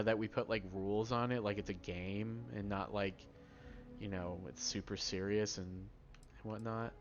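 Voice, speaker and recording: Low-voiced man doing casual game commentary. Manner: rambling, informal, halting asides. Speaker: gamer playing and commenting. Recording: dull microphone, faint background noise.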